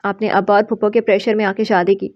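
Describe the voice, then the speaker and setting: A woman's voice: medium pitch, level tone, no echo, highs cut off, lightly acted. Woman reading as a hurt, tearful young wife.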